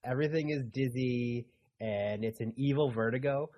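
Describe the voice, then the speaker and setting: A man co-hosting a podcast, animated and joking as he discusses a story. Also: medium pitch, normal speed, slight background noise. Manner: animated, joking, laughs often. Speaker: podcast co-host. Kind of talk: casual chat.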